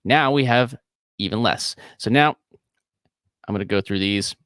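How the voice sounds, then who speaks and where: Male host, low voice, dry close sound, casual rambling live tutorial delivery. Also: unhurried, fairly bright tone, clear, resonant tone, no room sound. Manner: casual, rambling, chuckles often. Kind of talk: live screen-share editing tutorial.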